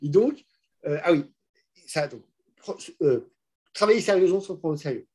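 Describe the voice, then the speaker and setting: A man's voice: on the high side, animated, moderate pace, a little mellow, slightly rough. A middle-aged French man speaking frankly and casually to students in a master class, with many restarts and fillers. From France. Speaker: managing director and guest speaker.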